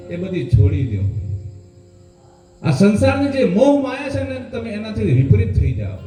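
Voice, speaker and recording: High-voiced preacher man in echoey hall. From Gujarat, India. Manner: addresses listeners as "saheb", swings between hushed and raised lines. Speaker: preacher at a devotional gathering. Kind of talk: devotional storytelling sermon. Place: devotional gathering hall. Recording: echoey hall with faint music.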